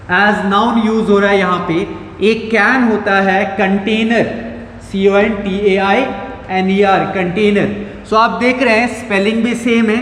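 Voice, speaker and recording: A male school English teacher with a high-pitched voice gives a grammar lesson slowly, repeating words and spelling them out letter by letter. The recording has a roomy echo with long reverb and slight background noise.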